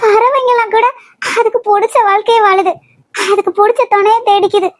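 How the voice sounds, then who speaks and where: A woman's voice: very high voice, fairly even intonation, brisk. Woman voicing a spirited young cartoon wife. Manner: earnest, pleading, tearful complaints. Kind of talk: cartoon voice acting.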